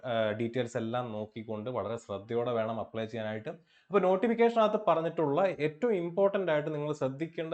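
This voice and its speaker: A man's voice: mid-range voice, a little mellow. Guy teaching an exam class, asks stuff then answers it, kinda dull lo-fi sound. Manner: asks and answers his own questions, repeats key points. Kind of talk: online exam-prep lesson. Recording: dull lo-fi audio.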